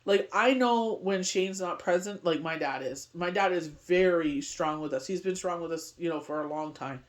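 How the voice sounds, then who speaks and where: A middle-aged Canadian woman gives a casual daily tarot reading, rambling along and repeatedly saying "you know what I mean." Her voice is on the low side and her pace moderate.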